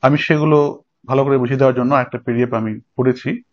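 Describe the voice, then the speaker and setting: A man's voice: medium pitch, steady tone, fast talker. A male teacher giving a recorded lecture, explaining step by step and checking in with students. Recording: dull lo-fi sound.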